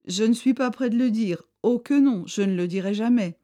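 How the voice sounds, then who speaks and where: A woman's voice: on the high side, normal speed, dark tone, natural voice. A woman voicing a frightened, timid peasant man who talks nervously and pleads.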